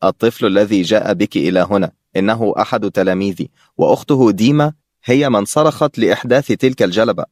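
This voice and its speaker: A man doing a calm, low-voiced young teacher. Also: fast talker, no room sound, studio quality, close to an everyday voice.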